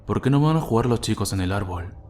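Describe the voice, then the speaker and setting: A man voicing a cruel, violent stepfather who sneers and threatens in a low voice. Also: animated, quick pace, darkish tone, soft background music, close to an everyday voice. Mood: menacing. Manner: sneering, menacing.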